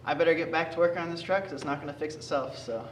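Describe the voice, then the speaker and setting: A man's voice: a little high, fast. A young man speaking casually as the host of a homemade video, chatting to his viewers. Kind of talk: casual vlog chat. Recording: echoey, distant mic, faint noise.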